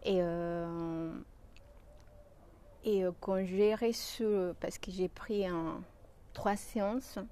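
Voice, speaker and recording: A woman with a Mexican Spanish accent talks in French about her practice, her tone warm and mellow. She hesitates often, restarting phrases and filling pauses. A faint hum of ambient noise sits under her voice. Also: fairly low pitch, fairly even intonation. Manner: hesitant, many fillers and restarts. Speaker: shiatsu practitioner. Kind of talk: interview answers.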